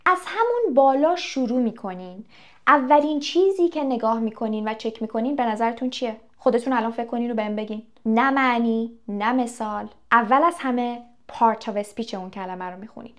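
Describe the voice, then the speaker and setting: Young woman, English teacher, casual video lesson, fairly high voice, lively, chatty. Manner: lively, talks to viewers directly, acts out little anecdotes.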